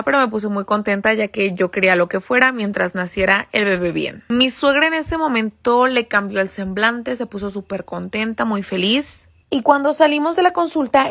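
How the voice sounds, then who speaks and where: A woman's voice: on the high side, brisk, gravelly, few pauses, a bit bright, no echo, studio quality. A young woman narrating her own story in the first person, in a confiding, gossipy way.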